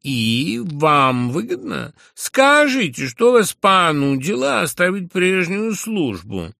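Brief: man doing a smug lisping dandy, high, drawn-out, gravelly edge. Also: big pitch swings, bright, forceful tone, no room sound, clean studio sound, heavily acted. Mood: patronizing. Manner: lisping, drawling, mocking. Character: condescending young man, pompous, lisping and drawling.

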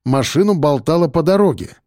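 A man narrating an audiobook with dramatic energy, his pitch moving in lively swings. His voice sits a little above the usual male range. The recording is close-miked and completely dry. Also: a little fast, no echo.

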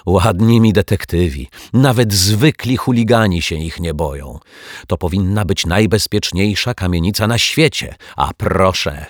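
A man's voice: sing-song, a little slow, breathy edge, no room sound, studio quality, full character voice. A man voicing a grumpy, scolding elderly widow neighbor who nags indignantly. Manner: nagging, indignant, shrill.

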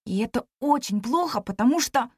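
A woman voicing an excitable, boastful monkey boy in a storybook reading, often whispering eagerly. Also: a little high, moderate pace, husky, no echo, clean studio sound.

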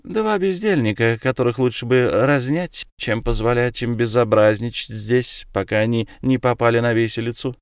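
A man voicing a spiteful, greedy tavern hostess over sixty, speaking with shrill scorn. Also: moderate pace, smooth, no echo, studio quality, natural voice. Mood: scornful.

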